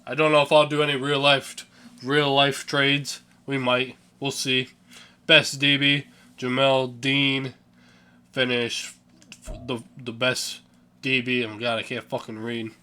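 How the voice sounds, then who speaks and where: A man's voice: medium pitch, level tone, slow, bright, forceful tone, clean tone. A young man giving casual, offhand commentary over a sports video game, yawning and sleepy, swearing now and then and stumbling over names. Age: young adult. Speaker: gaming channel host.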